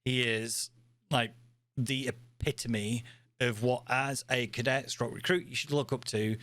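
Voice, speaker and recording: A man's voice: mid-range voice, steady tone, a little slow, fairly bright tone. An older man narrating as game master of a tabletop game, rambling with fillers.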